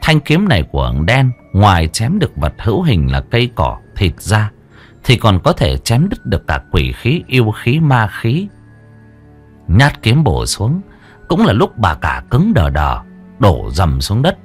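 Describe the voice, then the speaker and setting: A man's voice: lowish voice, huge pitch swings, measured pace, breathy edge, soft background music. A man narrating a ghost story with dramatic flair.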